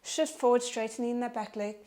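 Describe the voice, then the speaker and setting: A woman's voice: fairly high pitch, a little fast, warm tone. A woman leading a Pilates strength workout, out of breath as she cues each move, counts reps and encourages. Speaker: Pilates instructor. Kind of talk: guided workout instruction.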